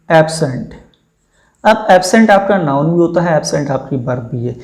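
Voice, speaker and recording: Man, exam-prep teacher, a touch high-pitched, reads English options slowly, then explains them in Hindi. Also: a little mellow. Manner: addresses viewers as friends.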